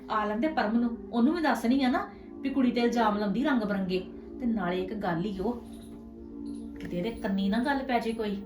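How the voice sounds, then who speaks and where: A woman's voice: a little high, recorded from a distance, lightly acted. A middle-aged woman playing a scheming aunt who arranges a match, persuading and pressing for agreement. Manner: persuasive, keeps asking for agreement. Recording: echoey room, voice from afar, music behind.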